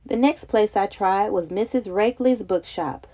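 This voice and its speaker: Reading a children's picture book aloud, this woman uses a mid-range voice at normal speed. Her storytelling is expressive, dramatic and childlike.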